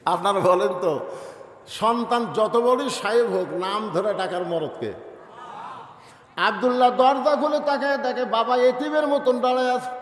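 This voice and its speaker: Male preacher, high-pitched, theatrical storytelling sermon with shouts and chanting, heard through a loudspeaker in a reverberant hall. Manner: dramatic, acts out dialogue, swings from loud shouts to low murmurs, drawn-out chanting. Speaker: Islamic preacher. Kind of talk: Bengali waz sermon with storytelling. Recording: echoey hall with long reverb.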